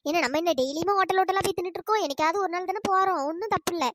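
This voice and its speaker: A nosy friend, very high and quick. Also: noisy background. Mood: coaxing. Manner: questioning, cajoling, quick. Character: nosy village woman friend, coaxing and defensive. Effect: pitch-shifted voice. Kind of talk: cartoon storytelling voice acting.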